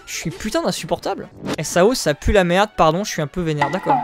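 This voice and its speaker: A male streamer giving joking, crude, self-mocking live gameplay commentary, excitable and often laughing. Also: high-pitched, quick pace. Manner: excitable, exclaims at the game.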